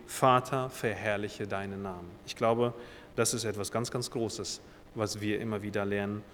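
A man's voice: mid-range voice, in a large hall, a little hiss or hum. A man preaching a sermon who reads Bible verses aloud, retells them in casual everyday words, and often corrects himself as he thinks aloud.

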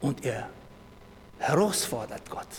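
A middle-aged man preaching a sermon, dropping to soft low asides and then raising his voice loudly when he quotes. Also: very animated, slow pace. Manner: swings between soft low asides and loud raised quoting. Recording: reverberant hall with faint noise.

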